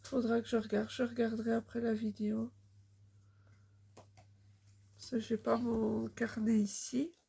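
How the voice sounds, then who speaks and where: A woman in her thirties chatting casually while she stitches, unhurried and full of fillers. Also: on the high side, flat delivery, creaky, dark tone, husky. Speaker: cross-stitch vlogger.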